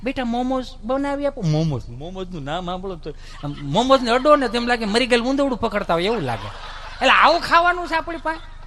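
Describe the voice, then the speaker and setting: A man's voice: high voice, quick pace. A male stand-up comedian, telling folksy stories and mimicking voices. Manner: lively, mimics voices, laughs at own jokes.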